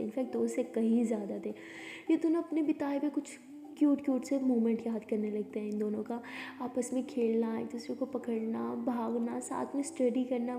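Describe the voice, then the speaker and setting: A woman storyteller narrating a romance in a very dark, mellow voice, pitched a bit high. She sometimes drops to a soft whisper. The room is echoey with a long reverb tail. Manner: softly dropping to a whisper in intimate scenes.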